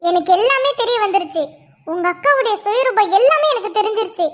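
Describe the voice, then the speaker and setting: A woman's voice: extremely high pitch, expressive, brisk. A woman voicing a furious young wife in a cartoon drama, accusing and scornful. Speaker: cartoon character voice.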